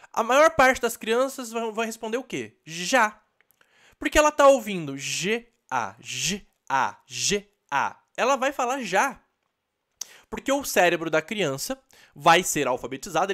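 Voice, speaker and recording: A male teacher gives a lively, explanatory online lesson on teaching children to read. His pitch swings widely as he sounds out letters one by one and pauses to check in with his students. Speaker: literacy teacher.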